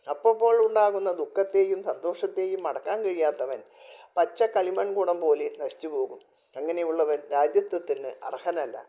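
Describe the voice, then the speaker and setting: A man narrating an epic tale in a calm, measured scripted reading. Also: sits high, highs cut off. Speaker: storyteller.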